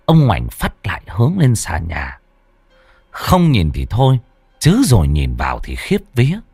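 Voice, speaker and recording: A man's voice: fairly low pitch, huge pitch swings, unhurried, a little mellow, slightly rough, no room sound. A man narrating a ghost story in a dramatic, scripted way. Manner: dramatic, swooping storytelling delivery. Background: faint background music.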